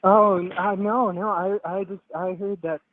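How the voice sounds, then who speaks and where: A man in his twenties calling in over a Bluetooth phone link while driving, sounding far from the mic and talking haltingly with many stammered restarts. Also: high-pitched, steady tone. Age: 20s. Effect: phone call over car Bluetooth, sounding far from the mic. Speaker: caller. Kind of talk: call-in chat. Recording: tinny phone line with faint noise.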